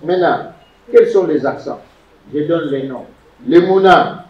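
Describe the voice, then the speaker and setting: A man lecturing on Hebrew in a classroom, a little high-pitched and unhurried, stressing words syllable by syllable. The sound is roomy and echoing, picked up by a mic placed well away from him. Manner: animated, emphatic teacher pronouncing Hebrew words syllable by syllable. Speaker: Hebrew teacher. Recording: echoey room, distant mic, dull lo-fi sound.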